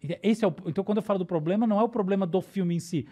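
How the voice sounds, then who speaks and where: Mellow-voiced Brazilian woman explaining patiently. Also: mid-range voice, racing. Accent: Brazilian Portuguese. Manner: explanatory, often checks in with "tá?" and "né?". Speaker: neuroscientist guest. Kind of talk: casual podcast explanation.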